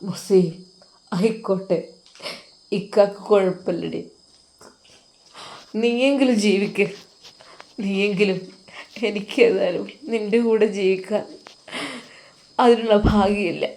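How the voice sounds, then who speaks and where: A woman's voice: slow pace, pauses often. Woman voicing a heartbroken young husband, Malabar lilt. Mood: resigned. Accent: Malabar Malayalam. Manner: soft, tearful, low murmuring. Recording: roomy echo.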